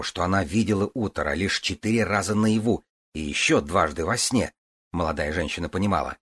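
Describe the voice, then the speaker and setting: Low husky male audiobook narrator. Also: a bit bright. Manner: measured, dramatic reading.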